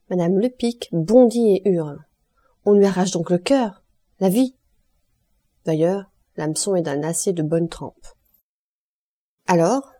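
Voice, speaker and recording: A woman narrating a literary audiobook in a measured storytelling manner. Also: mid-range voice, mellow. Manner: measured storytelling, lifts voice for quoted lines. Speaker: audiobook reader.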